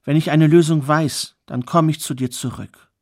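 A man voicing a kind, resourceful young woman who speaks gently and reassuringly in a spoken fairy tale. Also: fairly high pitch, fairly even intonation, moderate pace, dry recording, studio quality, lightly acted. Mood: kindly.

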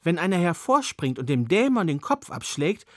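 A man voicing a calm old woman who explains how to break a curse, in a storybook reading. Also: on the high side, normal speed, no room sound, studio quality. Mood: reassuring.

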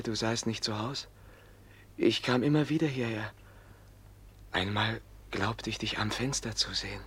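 Prince Myshkin, husky, gentle and anxious. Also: male voice, fairly low pitch, heavily acted. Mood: searching, anxious. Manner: earnest, halting, pleading. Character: gentle, anxious, compassionate prince, earnest and vulnerable. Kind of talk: German literary radio drama acting.

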